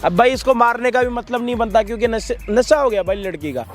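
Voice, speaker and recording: A high-pitched man hosts a street video, lecturing and scolding in a preachy way. Faint music plays behind him. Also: quick pace. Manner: preachy, scolding, addresses viewers as brothers. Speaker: prank and social video host. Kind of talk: emotional street-video presenting.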